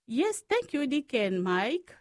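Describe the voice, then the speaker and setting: Slow-speaking Congolese-born woman. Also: sits high, sing-song, no echo, studio quality. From Democratic Republic of the Congo. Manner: slow, careful storytelling. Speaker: guest, Franciscan sister. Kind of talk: radio interview.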